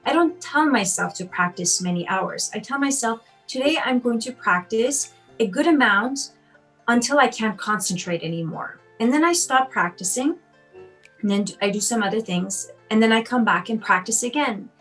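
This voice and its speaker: A woman's voice: on the high side, lively intonation, moderate pace, fairly bright tone, low-quality recording. A woman in her thirties who grew up in Austria, a piano teacher answering children's interview questions in a chatty, encouraging way with many ums and you-knows. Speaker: piano teacher and competition judge.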